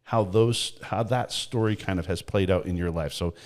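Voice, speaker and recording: A man's voice: sits low, normal speed, darkish tone. A man hosting a podcast, welcoming his guest and asking about his story in an enthusiastic, welcoming way with some fillers. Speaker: podcast host. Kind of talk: interview introduction.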